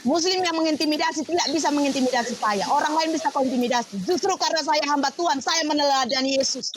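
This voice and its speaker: A woman's voice: high voice, quick pace, noisy background. A woman pastor preaching on a livestream, confrontational and firing off rhetorical questions.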